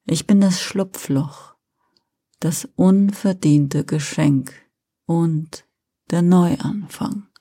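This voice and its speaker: A woman voicing Lucifer, a calm, seductive male fallen angel, speaking slowly and gently in a whispered role-play. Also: full character voice. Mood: soft persuasive. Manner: slow, low, gentle, persuasive.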